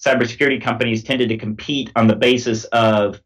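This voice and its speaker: A man being interviewed as a guest, explaining things in a measured way with many pauses. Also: medium pitch, fairly even intonation. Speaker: guest, head of a nonprofit security alliance. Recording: distant mic sound.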